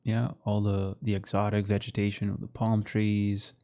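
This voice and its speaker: A man co-hosting a casual chat, relaxed and laughing often, saying bro and dude. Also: fairly low pitch, moderate pace. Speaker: podcast co-host. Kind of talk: casual chat while browsing a map.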